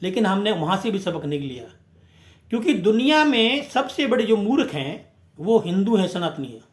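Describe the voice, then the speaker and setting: A man giving an impassioned, emphatic speech as a movement speaker, full of rhetorical questions and repeated phrases. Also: sits high. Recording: echoey room.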